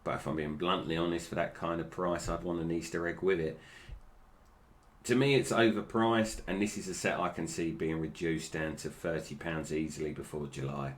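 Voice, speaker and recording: Deep-voiced British man with toothless diction. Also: fairly even intonation, moderate pace. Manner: toothless, slightly slurred articulation with stumbles over names. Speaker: toy review host. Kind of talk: casual unscripted product commentary.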